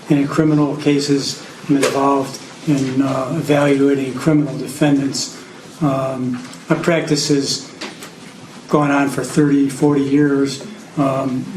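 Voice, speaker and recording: An older man testifies in court as an expert witness, answering deliberately and with frequent fillers. His delivery is flat and even. The audio is distant and echoey with faint background noise. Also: medium pitch. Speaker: forensic psychologist expert witness.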